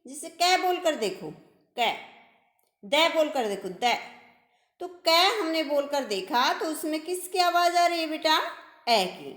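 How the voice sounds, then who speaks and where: Woman teacher for a children's grammar lesson, slow and patient, high voice, echoey room. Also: sing-song, fairly bright tone. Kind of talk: primary school grammar lesson.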